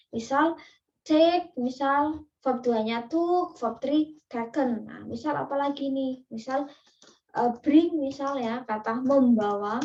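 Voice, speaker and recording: Indonesian woman teacher, fairly high voice, chatty step-by-step explaining, heard from a distance. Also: darkish tone. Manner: explains step by step with many fillers and asides. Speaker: English teacher. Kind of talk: online class lecture. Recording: distant, muffled lo-fi recording.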